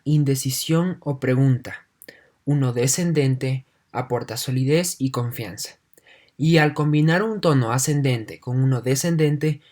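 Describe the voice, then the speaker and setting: A man's voice: medium pitch, darkish tone. A male teacher giving an online class. He reads a passage aloud, then restates it in simple terms, often checking in with his listeners. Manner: leans heavily on "entonces" and checks in with "¿no?".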